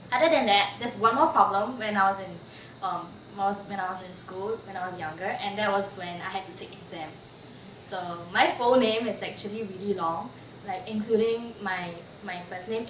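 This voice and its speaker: Speaking at a normal speed in a medium, fairly bright voice, this twenty-something interviewee from Singapore tells personal stories in a chatty way, using "like" constantly. There's slight background noise, and the distant mic picks up a roomy space with faint ambience.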